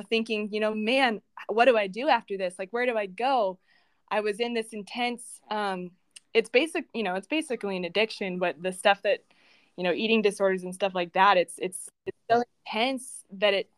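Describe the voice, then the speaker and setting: A woman in a personal conversational interview, earnest and halting, telling her faith story at home with many restarts and fillers. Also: medium pitch, clear, resonant tone, no room sound. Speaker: guest sharing her faith testimony.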